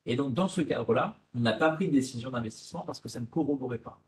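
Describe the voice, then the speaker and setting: A man's voice: medium pitch, fast talker, darkish tone. A man, an asset management guest, explaining investment strategy over slides in a conversational way, asking himself rhetorical questions. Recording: echoey room.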